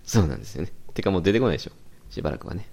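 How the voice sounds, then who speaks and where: A man's voice: deep voice, expressive, very fast, warm tone, slightly rough. A young man with a Kansai accent, co-hosting a podcast in laid-back casual chat and laughing often. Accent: Kansai Japanese. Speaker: podcast co-host.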